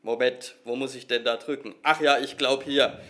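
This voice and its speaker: An actor playing a blunt, talkative bakery worker answering a phone in a comedy sketch. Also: male voice, mid-range voice, fairly even intonation, normal speed, bright, forceful tone, natural voice. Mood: chatty, eager. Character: chatty, put-upon male wafer bakery worker.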